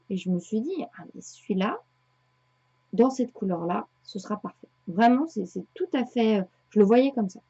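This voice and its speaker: A knitting podcaster in her thirties chats casually with viewers about her knitting and sewing projects, rambling and hesitating a lot. Her voice is on the high side, dark and husky, captured in a dull, lo-fi home recording.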